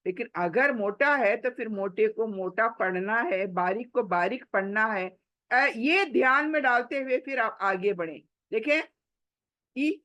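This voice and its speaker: Female recitation teacher, slightly high voice, slow and patient drills, repeats each sound over and over. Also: a bit bright. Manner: patient, repeats each sound many times and corrects mistakes. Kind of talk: slow drilling lesson, syllable by syllable.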